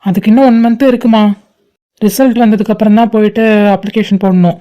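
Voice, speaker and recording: A woman's voice: medium pitch, steady tone, quick pace, warm tone, dull audio, close to an everyday voice. A woman voicing a polite young adult son in a cartoon, concerned and respectful. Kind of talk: cartoon voice acting.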